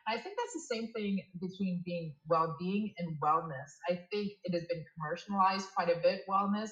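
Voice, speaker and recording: A woman's voice: lowish voice, roomy sound, muffled recording. A woman from Toronto talking earnestly as a podcast guest, emphatic and repeating her points. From Toronto, Canada. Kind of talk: casual interview talk.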